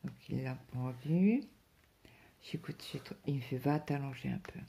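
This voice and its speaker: A middle-aged crafting vlogger tells a chatty story about her day in a rumbling low, creaky voice at a measured pace. In this casual storytelling chat she acts out bits of dialogue, quoting her husband in lively snippets, and sometimes drops to a whisper.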